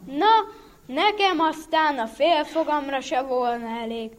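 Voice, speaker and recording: A woman's voice: high voice, animated. A woman voicing a jolly, boastful male bear in a read-aloud animal tale. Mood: mocking. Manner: hearty, boastful, laughing at others. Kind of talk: storybook reading.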